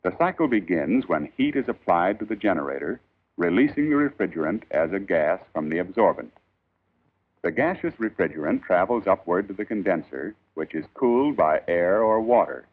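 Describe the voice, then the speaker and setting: A man reading a scripted 1940s instructional film in a formal, measured, emphatic old newsreel narrator style. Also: low voice, expressive. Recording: tinny band-limited 1940s film soundtrack.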